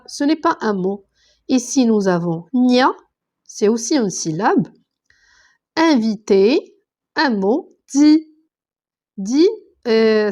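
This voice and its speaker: A woman's voice: fairly high pitch, a little mellow. A woman teacher, giving a patient step-by-step lesson and reading words out one by one. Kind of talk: online grammar lesson.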